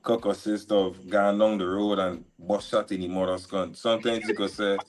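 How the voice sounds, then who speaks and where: A man, a music producer talking casually as a guest on a live stream, halting and full of slang. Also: lowish voice. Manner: relaxed, halting, lots of restarts and slang. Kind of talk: casual interview chat. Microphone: live stream call.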